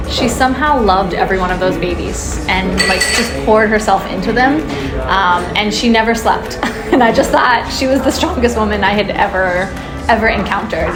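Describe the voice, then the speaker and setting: A woman in her forties, a nonprofit country director, giving reflective and earnest interview answers with frequent pauses. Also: medium pitch. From United States. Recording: roomy echo with loud music underneath.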